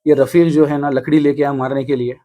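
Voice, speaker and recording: A man in his thirties with a Hyderabadi accent, giving an earnest, halting news interview. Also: medium pitch, level tone, mellow, highs cut off. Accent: Hyderabadi Hindi. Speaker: interviewee, complainant. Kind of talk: news interview, recounting an attack.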